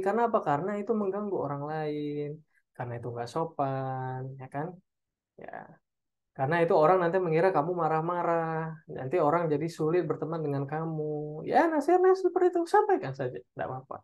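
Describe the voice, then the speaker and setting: A man leads an online parenting webinar, taking audience questions and answering each in turn. His delivery is relaxed and chatty, full of small check-ins with his listeners. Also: on the high side, quick pace, highs cut off. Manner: conversational, tags phrases with "ya" and "oke".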